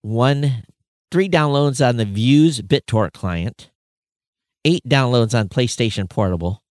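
This podcast co-host has a mid-range, darkish male voice with lively intonation and a measured pace. Chuckling often, he reads out industry figures off the cuff in a casual chat, captured as clean studio sound without room noise.

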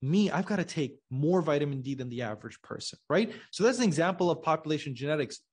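Brief: male podcast guest from Pakistan, somewhat high voice, patient explainer, casual tone. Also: expressive, fast talker, darkish tone, slightly rough. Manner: explains patiently, checks in with "right?". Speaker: guest, genetics company co-founder. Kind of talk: casual conversational interview.

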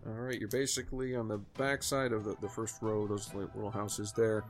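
A man's voice: lowish voice, little pitch movement, fairly quick, faint music behind. A man running a tabletop game as game master, chatty, with frequent laughs.

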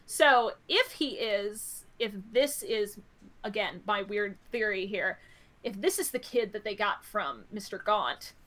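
Bright-voiced woman theorizing casually. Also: medium pitch, animated, slow pace. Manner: thinks aloud, theorizing with many "like" fillers. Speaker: podcast co-host. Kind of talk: casual chat about a TV episode.

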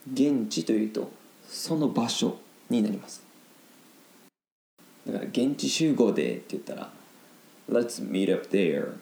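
A man teaching Japanese vocabulary in a casual lesson, explaining slowly in simple Japanese with English glosses mixed in. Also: mid-range voice, creaky, dark tone, echoey room, poor audio.

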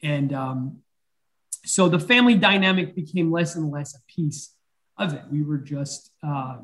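A man speaks over a video call, talking through his work as a bank president. His voice sits a little high, and he takes his time, filling pauses with ums and the odd throat-clear. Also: a bit bright. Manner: unhurried, with frequent fillers and throat-clearing. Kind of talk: interview answers.

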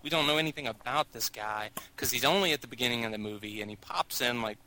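A man's voice: mid-range voice, fast, sharp tone, low-quality recording. A man co-hosting a casual movie podcast, recapping scenes in a loose, rambling way full of fillers. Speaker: podcast co-host.

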